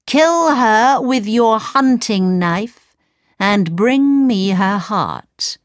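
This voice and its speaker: A woman voicing a vain, cruel queen in a storybook reading, with slow, drawn-out theatrical lines. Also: a little high, animated, no room sound, studio quality. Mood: cold. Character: vain wicked adult queen, haughty and cruel.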